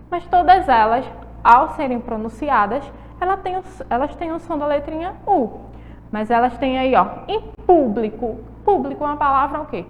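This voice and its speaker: A woman teacher with a Brazilian Portuguese accent leads a televised lesson for children in a high, bright register. She draws words out slowly to stress their syllables and keeps asking her young viewers questions. Her voice carries a long reverb. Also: muffled recording, a little hiss or hum. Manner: encouraging, asks the viewers questions.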